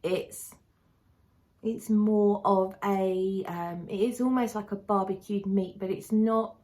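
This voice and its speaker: A woman speaks at a medium pitch in a casual vlog style. Her speech has a lisp, with whistling s sounds from a dental brace. She rambles a little and corrects herself as she reviews. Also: steady tone, slow pace, a little mellow. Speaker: perfume reviewer. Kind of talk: casual chat to camera.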